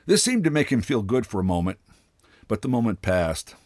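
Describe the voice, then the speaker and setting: Low-voiced man reading a story aloud. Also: sing-song, normal speed, darkish tone, no room sound, studio quality. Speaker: host reading short stories. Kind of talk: literary read-aloud narration.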